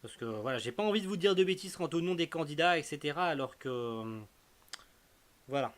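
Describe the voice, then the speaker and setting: A young man chats to camera about the manga he read this month. He rambles and hesitates over his words, then teases the viewers playfully, his voice sitting a little high for a man. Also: lively intonation, brisk. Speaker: manga reviewer.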